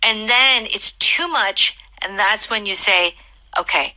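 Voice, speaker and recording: A woman hosting a radio English lesson, brisk and guiding, reading out example sentences and answering with lots of uh-huhs. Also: mid-range voice, sharp tone, poor audio. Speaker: host.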